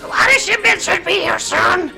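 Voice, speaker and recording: A man voicing a small, panicky kobold with a shrill dragon voice in a tabletop game. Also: moderate pace, creaky, soft background music, full character voice. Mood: alert. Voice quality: shrill, screaming. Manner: terrified, excitable dragon-kin voice.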